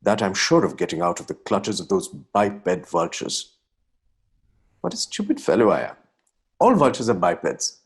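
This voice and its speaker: In a low-pitched, slightly husky voice with an Indian accent, a man acts as a young nineteenth-century Bengali poet, reading his letters from a stage play at normal speed. His exaggerated, very animated performance is anxious and self-dramatising, full of ornate exclamations, and sounds distressed and urgent.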